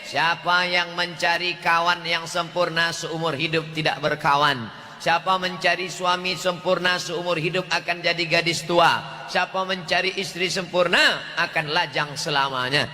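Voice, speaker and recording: Bright-voiced rhythmic male preacher. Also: a little high, little pitch movement, in a large hall. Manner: measured, rhythmic, proverb-like delivery. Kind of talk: sermon with rhythmic sayings.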